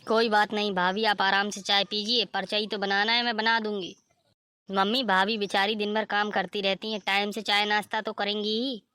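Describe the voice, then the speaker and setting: A woman's voice: mid-range voice, little pitch movement, normal speed, sharp tone, clean tone, no echo, clean studio sound, natural voice. A woman voicing a kind, supportive young sister-in-law in a cartoon story. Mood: reassuring. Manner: reassuring, kind.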